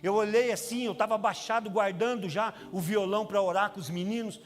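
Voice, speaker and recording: A man's voice: fairly even intonation, quick pace. A man with a Brazilian accent, a pastor and prison chaplain, telling a testimony in a sermon and acting out the voices of the people in his story. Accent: Brazilian Portuguese. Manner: storytelling, acts out quoted voices with raised pitch. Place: church sanctuary. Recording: reverberant church hall with music.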